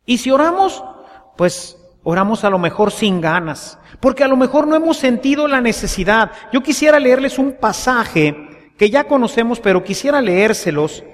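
A man's voice: very high-pitched, expressive, moderate pace. A male priest preaching a sermon, asking the congregation questions and repeating phrases. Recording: long reverb in a large church.

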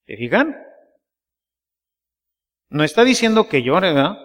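Priest preaching in a casual, chatty way, high voice, lots of church reverb. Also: male voice, big pitch swings, a little slow, a bit bright. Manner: folksy storytelling, keeps asking the congregation to agree. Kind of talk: sermon.

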